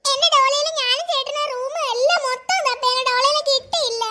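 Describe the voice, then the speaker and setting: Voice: very high-pitched, fairly even intonation, normal speed, sharp tone, a little hiss or hum. A performer voicing a weepy, stubborn little girl in a cartoon, talking in a whiny, pleading way. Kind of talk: cartoon voice acting.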